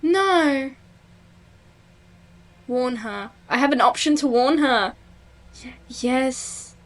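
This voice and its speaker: A woman's voice: high voice, expressive, very slow. A young woman giving casual gameplay commentary, blunt, sweary and exclamatory as she talks through what is on screen. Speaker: gameplay streamer. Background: faint game music.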